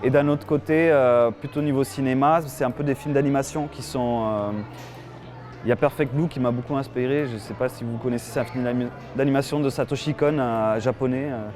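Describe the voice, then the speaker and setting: A man's voice: medium pitch, steady tone, brisk, darkish tone. A man in his thirties from Germany, an animation film director giving a festival interview, hesitant with many fillers and restarts.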